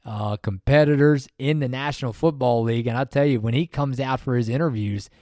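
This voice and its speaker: A man co-hosting a podcast in casual sports chat, talking in an animated, rambling way with many fillers and restarts. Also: medium pitch, a little fast, no room sound, studio quality. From Maryland, USA. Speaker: podcast co-host.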